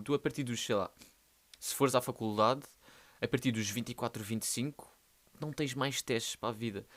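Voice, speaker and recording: Slangy young Portuguese podcast guy. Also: mid-range voice. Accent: European Portuguese. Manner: rambling, slangy and playful. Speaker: podcast host. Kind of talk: casual solo podcast monologue.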